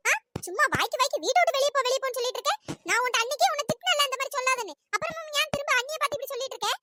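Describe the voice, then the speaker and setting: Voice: extremely high pitch, animated, rapid-fire, very noisy. A performer voicing a young daughter who firmly rebukes her mother in a cartoon. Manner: firm, reproachful. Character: firm young daughter, defending her sister-in-law. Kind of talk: cartoon voice acting.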